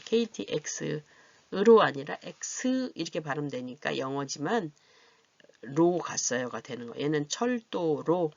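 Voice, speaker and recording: Teacher for a beginner grammar lesson: gravelly, dry close sound, dull lo-fi recording, patient and repetitive. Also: mid-range voice, no echo. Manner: patient, repeats each question and model answer. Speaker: Korean language teacher.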